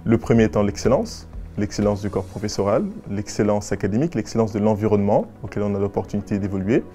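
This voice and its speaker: Measured, formal young man, mellow low voice. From West and Central Africa. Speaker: business school student. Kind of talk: prepared interview answers to camera.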